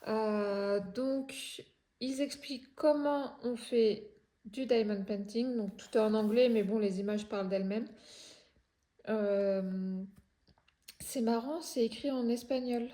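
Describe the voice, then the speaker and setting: Chatty French woman, soft mellow voice. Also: fairly high pitch, slow pace. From France. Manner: chatty, many filler "euh"s, self-correcting. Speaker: craft channel host. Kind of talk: casual unboxing chat. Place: home indoors.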